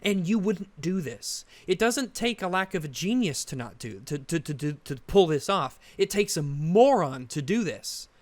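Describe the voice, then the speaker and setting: A man's voice: fairly high pitch, sing-song, moderate pace, few pauses, darkish tone. A man hosting a commentary video, ranting sarcastically in exasperated criticism of a show. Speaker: commentary channel host.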